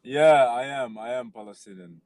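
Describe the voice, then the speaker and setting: Hesitant caller from Lebanon. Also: male voice, mid-range voice, normal speed, darkish tone. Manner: hesitant, many fillers and restarts. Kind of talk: casual call-in chat.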